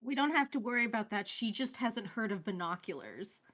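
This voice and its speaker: A woman's voice: on the high side, animated, fairly quick, fairly bright tone. A woman playing in a tabletop game, making wry, joking asides. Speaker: player. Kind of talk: casual tabletop play.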